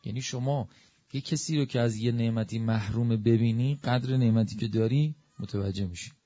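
Animated man preaching a sermon, muffled sound. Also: medium pitch, no echo. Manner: conversational, animated, rises to emphatic peaks. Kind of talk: religious sermon.

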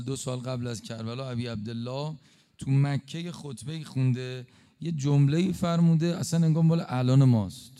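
A male preacher giving an impassioned sermon, slowing for emphatic stresses and dropping suddenly quiet. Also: mid-range voice, clear, resonant tone. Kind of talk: religious sermon.

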